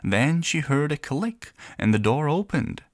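A man reading a children's fairy tale aloud in a gentle, playful storyteller manner. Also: on the high side, big pitch swings, unhurried, dry recording, studio quality. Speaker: narrator.

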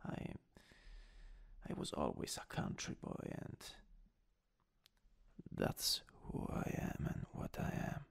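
In an improvised ASMR roleplay, a man with an Italian accent plays a teasing, soothing country-boy lover, lightly acted. He murmurs slowly and hesitantly in a breathy, raspy whisper, intimate and gentle in mood.

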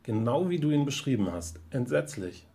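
A man's voice: medium pitch, animated, moderate pace, vocal fry, warm tone. A man voicing a cruel, giggling young woman in a read-aloud short story, gushing and mocking.

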